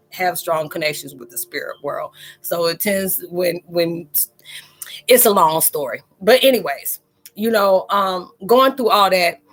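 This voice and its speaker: A woman in her forties with a slightly bright, mid-range voice hosts a live stream, laughing and chatting casually as she works through viewer comments. She describes herself as psychic.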